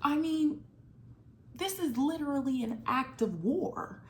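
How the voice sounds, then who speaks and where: This high-pitched woman speaks with lively intonation, and there's a little hiss or hum in the audio. Her take on a movie is casual and emphatic, thick with fillers such as "like," and she alternates between rapid talk and stretched-out words; she is in her twenties.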